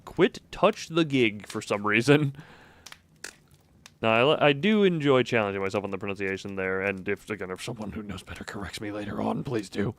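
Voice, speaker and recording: A man with a clear, resonant, mid-range voice streams a visual novel, reading the narration aloud in an even way. He breaks off now and then for casual, chuckling asides and small laughs.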